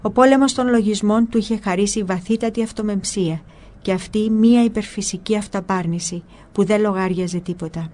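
A woman narrating a spiritual book in a calm, measured storytelling voice. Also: mid-range voice.

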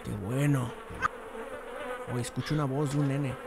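A young man with a Mexican accent giving crude, slang-heavy commentary while playing a game, breaking into sudden shouts. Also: mid-range voice, fairly even intonation, moderate pace, gravelly, heavy background noise. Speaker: gamer. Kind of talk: profane gameplay commentary.

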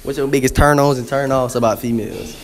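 A man's voice: medium pitch, fast. A teenage boy interviewing classmates in school hallways, teasing and slangy, holding a handheld mic. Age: teens. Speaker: street interviewer. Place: school hallways and restroom, indoors. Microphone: handheld mic held by speaker.

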